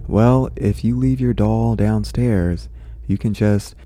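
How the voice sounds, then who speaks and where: A man's voice: on the low side, steady tone, slow, warm tone, a little hiss or hum, voice pushed up. A man reading the part of a teasing father who tells tall tales. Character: teasing dad, deadpan.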